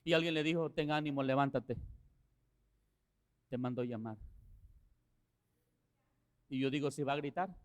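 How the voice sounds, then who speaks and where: A man preaching a sermon as pastor, telling a story with rising passion and quiet, slow passages. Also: fairly high pitch. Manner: impassioned preaching, swelling to shouts then dropping soft.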